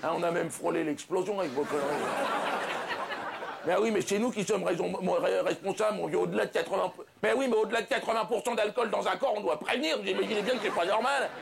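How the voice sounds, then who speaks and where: A man doing a blunt, worn-out doctor on a late-night house call, who chatters impatiently and throws in laughing asides. His voice is fairly high with a gravelly fry. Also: fast, a faint crowd, a little hiss or hum. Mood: exasperated. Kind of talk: stand-up comic sketch.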